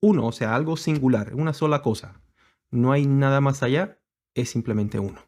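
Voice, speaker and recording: A man giving a teaching sermon over slides, explaining slowly with many pauses and restarts. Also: mid-range voice, a little mellow. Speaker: congregation teacher.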